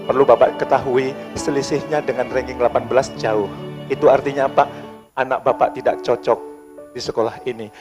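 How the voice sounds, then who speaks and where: A man voicing a stern school teacher who speaks in a low, subdued, formal way. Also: steady tone, fairly quick, music in the background, close to an everyday voice. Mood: grave. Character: stern school teacher giving bad news.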